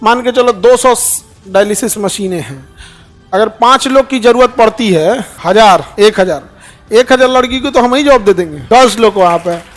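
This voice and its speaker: A middle-aged man with a Bihari Hindi accent, giving a lively, joking informal talk to an audience and often asking them questions. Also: high-pitched, normal speed, faint music behind. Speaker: teacher and public speaker.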